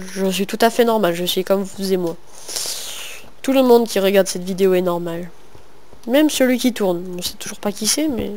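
A young teenage boy with a fairly high voice chats through a game on his home computer mic. He keeps joking and rambling, talking to himself as much as to his viewers. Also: a little mellow, slight background noise. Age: young teen, in middle school. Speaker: gaming video host. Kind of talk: casual let's-play commentary. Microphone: home computer microphone.

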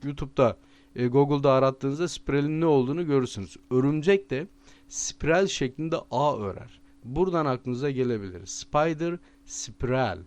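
A man with a Turkish accent teaching vocabulary with memory tricks, repeating each word slowly and stressing it. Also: medium pitch, expressive, a little mellow. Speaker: language teacher.

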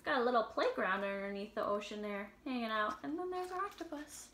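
A young adult woman reads a picture book to small children in a home room with an upright piano, reading expressively with simple questions and exaggerated emphasis. Her voice is fairly high and fairly bright, with lively intonation and a slightly fast pace. A little hiss or hum is audible.

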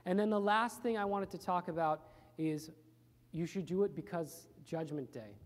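A man's voice: high voice, normal speed. Earnest male pastor preaching. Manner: earnest, plain-spoken preaching with repeated phrases. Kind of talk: sermon. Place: church. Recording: reverberant church hall.

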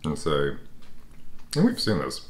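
A middle-aged man co-hosting a food tasting, talking casually in a relaxed, halting way at a table at home. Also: extremely low pitch. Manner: relaxed, halting, repeats words while recalling. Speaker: food channel co-host. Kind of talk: casual taste-test chat. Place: dining room at home, seated at a table.

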